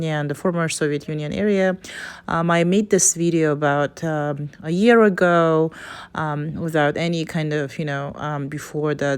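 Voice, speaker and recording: Her voice is low, a little mellow and smooth: a woman from Kazakhstan with a Kazakh accent, narrating a recipe as a home cook. The voice-over is casual and unscripted, hesitant, with many stops and restarts.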